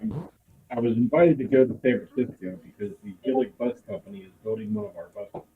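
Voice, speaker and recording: A man calling into a chat stream over a muffled, bass-heavy connection, joking in a dry, self-deprecating way. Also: animated, fairly quick. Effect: muffled, bass-heavy audio with little treble. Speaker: guest caller on a ham radio stream. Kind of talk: casual chat. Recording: muffled phone-like line with faint noise.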